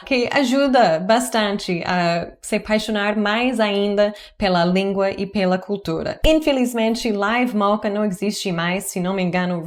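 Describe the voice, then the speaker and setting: A language-teaching YouTuber in her forties, a native English speaker, talks in Portuguese for a personal vlog addressed to the camera. Her delivery is chatty and earnest, with upbeat jumps in pitch.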